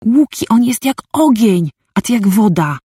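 A woman voicing an excited, teasing young female friend in an audiobook. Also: on the high side, unhurried, slightly rough, no room sound, clean studio sound, pitched above the performer's own voice, heavily acted.

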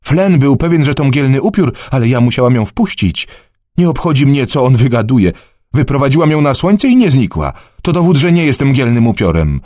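A man reading an audiobook, voicing an agitated, frightened peasant woman in a high voice. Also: big pitch swings, a little fast, mellow, no room sound, clean studio sound. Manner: agitated, insistent.

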